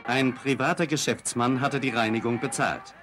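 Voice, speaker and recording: A man's voice: mid-range voice, fairly even intonation, normal speed. Man announcing an old newsreel. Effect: old newsreel soundtrack. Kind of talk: 1960s newsreel narration. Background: music.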